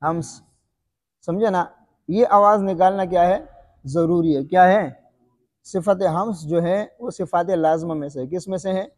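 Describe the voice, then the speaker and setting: A man's voice: high-pitched, pauses often, a little mellow, long reverb tail. A man teaching the correct pronunciation of letters in a Quran recitation lesson, asking his listeners questions and drilling each sound aloud.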